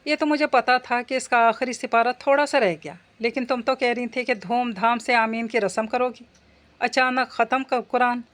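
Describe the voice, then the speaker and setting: A woman reading the part of a sharp-tongued older mother-in-law who gossips and complains. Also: a little high, steady tone, normal speed, natural voice.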